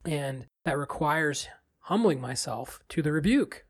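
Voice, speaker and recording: A man's voice: a little high, animated, a little slow, breathy edge. A man hosting a podcast, speaking earnestly and personally about his own struggles. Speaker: podcast host. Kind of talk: reflective podcast talk.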